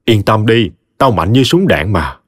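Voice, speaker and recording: A man's voice: on the low side, animated, unhurried, no room sound. A man doing a blunt old country mother. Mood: teasing. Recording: dry voice with faint music.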